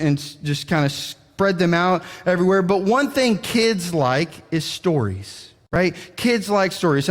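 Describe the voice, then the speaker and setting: A man's voice: sits high, long reverb tail. A male pastor preaching a sermon in a church, talking conversationally and asking the congregation questions. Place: church sanctuary.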